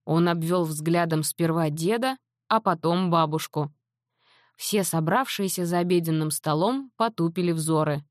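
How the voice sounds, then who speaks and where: Low-voiced woman reading a novel. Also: unhurried, no echo, clean studio sound. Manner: even, storytelling. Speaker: audiobook narrator. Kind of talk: first-person novel narration.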